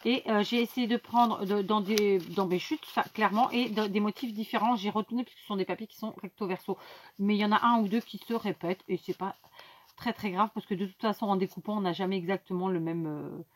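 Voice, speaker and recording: A woman's voice: mid-range voice, fairly even intonation, fairly quick. A woman hosting a casual craft tutorial, explaining each step to her viewers with many fillers and asides. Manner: talks directly to viewers.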